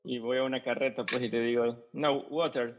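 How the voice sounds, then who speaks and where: A man with an Ecuadorian Spanish accent hosting a podcast, relaxed, asking questions and telling a short anecdote. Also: mid-range voice, fast. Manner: short backchannel replies, relaxed. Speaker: podcast host. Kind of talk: casual chat. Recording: muffled lo-fi podcast audio, faint music.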